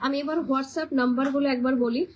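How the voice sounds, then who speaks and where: Chatty high-voiced Kolkata Bengali woman. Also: fairly even intonation, fast talker, slight background noise, poor audio. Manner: chatty, repeats every weight and price twice. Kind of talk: casual live-stream sales chat.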